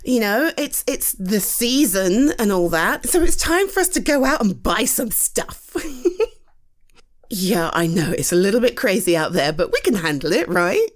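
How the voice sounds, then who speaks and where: A British voice performer plays a playful, eager girlfriend who gets flustered easily, talking to her partner in a casual one-sided roleplay. She sounds cute, coaxing, giggly and expressive, her mid-range voice moving at a measured pace.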